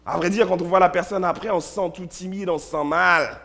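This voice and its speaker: A high-pitched man preaching in a church. He tells stories, repeats words in bursts and swings between loud and hushed delivery. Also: steady tone, a little fast, gravelly. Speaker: pastor. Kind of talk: sermon.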